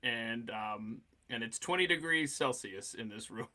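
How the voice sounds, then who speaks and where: Casting: male podcast host, forties, bright forceful tone, excitable and stammering. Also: mid-range voice, a little slow. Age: 40s. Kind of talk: casual chat.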